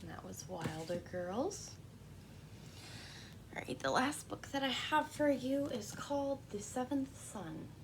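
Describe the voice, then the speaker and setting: A woman in a soft-spoken ASMR role-play as a librarian, talking in a hushed, gentle library voice with a creaky edge. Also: a little high, lively intonation, unhurried, background noise.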